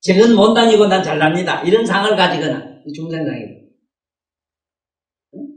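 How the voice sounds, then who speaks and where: A man's voice: high voice, expressive, moderate pace. A man with a Gyeongsang accent giving a Buddhist sermon in a folksy, rhetorical way, often prodding listeners with "eh?" questions. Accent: Gyeongsang Korean. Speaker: Buddhist dharma teacher. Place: dharma hall. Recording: echoey room, distant mic.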